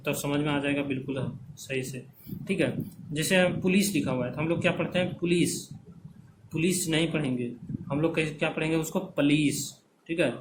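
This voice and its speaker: A man teaching English phonetic transcription, repeating words slowly as drills and checking in often. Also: a little high. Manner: checks in often with "theek hai". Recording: background noise.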